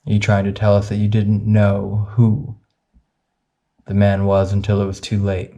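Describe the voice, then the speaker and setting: Low, even-voiced man questioning spirits. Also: normal speed, vocal fry. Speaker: paranormal investigator. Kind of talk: ghost hunt vlog, questioning spirits. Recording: dull muffled sound, music underneath.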